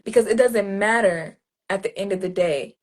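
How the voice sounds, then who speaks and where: A woman's voice: medium pitch, moderate pace. A woman, a poet guest in an interview, telling stories in a casual way and acting out street greetings. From New Jersey, USA. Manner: animated storytelling, acts out street greetings in other voices.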